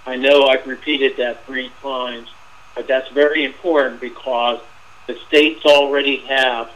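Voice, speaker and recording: A man walks listeners through slides in a webinar, speaking in an informal way, often starting over and filling gaps with "uh". His voice is going hoarse. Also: mid-range voice, pushed and bright, poor audio. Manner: informal, repeats himself with fillers. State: losing his voice. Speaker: webinar presenter.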